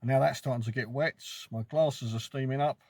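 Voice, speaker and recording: A man's voice: mid-range voice, fairly even intonation, brisk, a little mellow, no room sound. A man giving casual, matter-of-fact, off-the-cuff sightseeing narration, recorded on a phone out on location. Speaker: holiday vlogger. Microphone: handheld phone. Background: clear ambient noise, sometimes rain.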